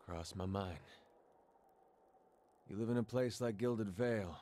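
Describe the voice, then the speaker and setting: A weary, plain-spoken soldier from a fantasy video game, voiced by a man, low-pitched and quietly reflective. His voice sits deep and settled, and a faint ambient hum runs underneath. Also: measured pace, natural voice. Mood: somber. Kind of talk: video game character dialogue. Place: game audio captured in a gameplay recording.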